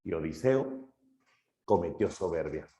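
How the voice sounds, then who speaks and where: A male literature teacher retelling a story dramatically, shifting his pace and loudness, in an echoey room. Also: low voice, animated, unhurried. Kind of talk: lively story retelling in a lesson.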